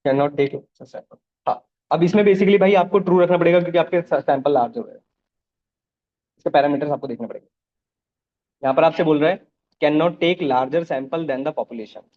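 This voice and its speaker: High-voiced programming teacher, lo-fi. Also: male voice, moderate pace, pauses often. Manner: explains step by step, checks students understand. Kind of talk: live coding class.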